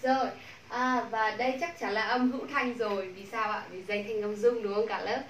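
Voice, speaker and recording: A woman with a Vietnamese accent teaching English pronunciation to a class, modeling sounds slowly and repeating drills. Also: fairly high pitch, fairly even intonation, a bit bright, far from the mic. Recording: echoey room, from the mic, faint noise.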